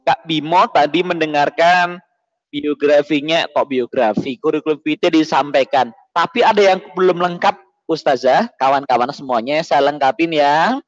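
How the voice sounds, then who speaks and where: A man's voice: on the high side, normal speed, no room sound. A man presenting to schoolchildren in a playful, joking way, teasing them and firing off call-and-response questions. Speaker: children's presenter at a school holiday event. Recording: dull lo-fi, dry sound.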